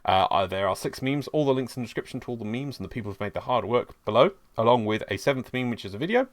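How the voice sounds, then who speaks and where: A man co-hosting a casual gaming podcast, talking in an animated, argumentative way and laughing often. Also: mid-range voice, fast talker. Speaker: podcast co-host.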